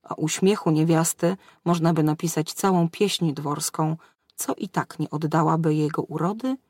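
A woman narrating a fairy tale in a measured storytelling manner. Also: sits low, a little mellow, no echo, clean studio sound.

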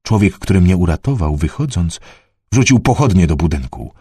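A man reading an audiobook, voicing a young peasant girl who speaks in a flat, matter-of-fact way. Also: sits low, normal speed, slightly rough, no room sound, exaggerated voice. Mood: grim.

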